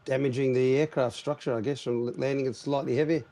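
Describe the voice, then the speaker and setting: A man's voice: medium pitch, fairly even intonation, quick pace, mellow, slight background noise. A man, a jet-lagged airline pilot, explaining things at length in casual chat with many restarts. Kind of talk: casual chat on a live stream.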